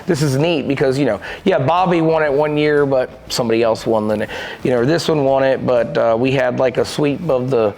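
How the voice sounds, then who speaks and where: A gravelly, medium-pitched voice, a little fast, belongs to a man in his thirties who co-hosts a podcast and manages a shooting club. Chatting casually in a lodge room with a stone fireplace, he gestures a lot and tells animated, rambling stories, and the recording is rough.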